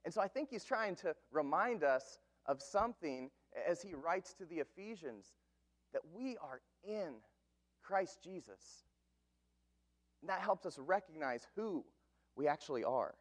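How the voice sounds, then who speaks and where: A man in his thirties, a pastor, preaching an earnest sermon with slow, emphatic phrases. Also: a little high, animated.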